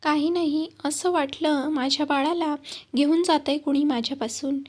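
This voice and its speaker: A wounded young mother with a high voice, cool and cutting in her replies, as a woman reads her lines. Her words come out firm and mocking, part of a spoken storybook. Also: fairly even intonation, normal speed, darkish tone, close to an everyday voice. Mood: tender.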